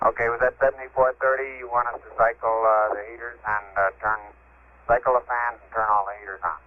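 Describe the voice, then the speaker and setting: A man's voice: medium pitch, flat delivery, fairly quick, slight background noise. An American man, an astronaut, speaking procedurally over a walkie-talkie style two-way radio. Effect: two-way radio, walkie-talkie sound. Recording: tinny narrow-band archival spacecraft radio link.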